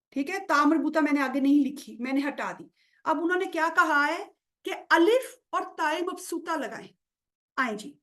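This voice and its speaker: A woman teaching Quranic grammar in an online lesson, patiently checking understanding and stretching out example words. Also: high-pitched. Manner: drawls example words slowly to show pronunciation.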